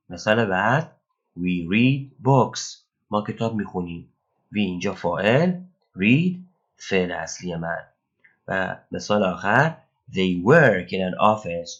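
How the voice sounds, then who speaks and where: A man gives a recorded English grammar lesson, walking through each rule step by step and quizzing the listener. His voice is low and husky, and it comes through a dull, lo-fi recording. He reads the English example sentences slowly and carefully. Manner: explains step by step, asks the learner questions and praises answers.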